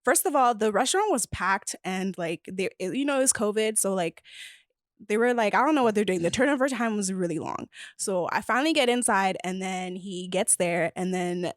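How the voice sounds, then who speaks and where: A woman in her twenties, a podcast guest telling a dating story in a casual, animated way, laughing often and quoting people. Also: medium pitch, moderate pace, no echo, studio quality.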